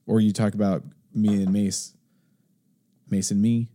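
A man's voice: on the low side, little pitch movement, a little slow, warm tone. A man co-hosting a casual talk show, ranting animatedly and acting out what other people say. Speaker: podcast co-host. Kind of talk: casual conversation.

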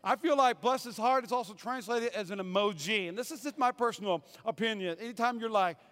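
A pastor from North Dakota, USA, delivers a humorous sermon in a high, slightly bright voice at a fairly quick pace. He playfully quizzes his congregation with call-and-response.

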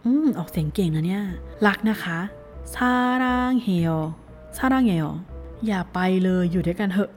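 A woman teaching a language lesson. She reads each phrase slowly, syllable by syllable, then says it at normal speed, and cheers her learners on. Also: on the low side, darkish tone, faint music behind. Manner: encouraging, cheerful, spells words out syllable by syllable.

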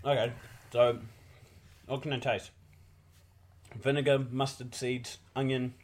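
A man's voice: medium pitch, flat delivery, takes it slowly. A man, co-hosting a casual chat and joking crudely with friends. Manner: crude, laughing, jokey. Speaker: podcast co-host. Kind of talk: casual banter.

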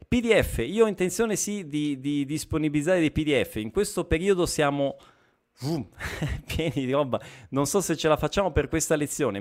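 A man's voice: mid-range voice, clear, resonant tone. A man teaching a live online language lesson, who keeps asking "ok?" and repeats phrases so students can follow. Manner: checks in with frequent "ok?" and repeats phrases.

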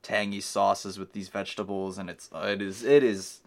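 A man hosting a casual interview, asking questions in a relaxed, joking way. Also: on the low side, moderate pace. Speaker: interviewer, host.

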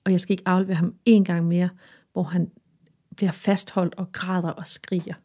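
Woman in casual conversation, earnest and reflective. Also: on the low side. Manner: earnest, reflective, animated at times. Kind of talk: casual chat.

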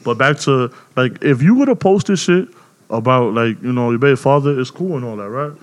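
A man, hosting a casual podcast chat, loud and joking in street slang. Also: medium pitch, lively intonation, normal speed. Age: 20s. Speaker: podcast host.

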